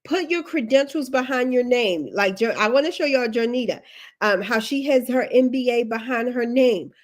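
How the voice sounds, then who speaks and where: At a moderate pace, a woman with a fairly high pitch gives career advice on a livestream. Allergies leave her sniffly, but she's emphatic, repeating key instructions and mixing in chatty asides.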